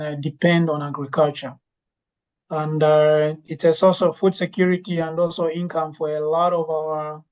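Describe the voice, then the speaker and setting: Hesitant woman, flat and measured. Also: low voice. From Zambia. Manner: hesitant, many fillers and restarts. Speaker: university lecturer and legume breeder giving a talk. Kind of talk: conference presentation. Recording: dull lo-fi recording.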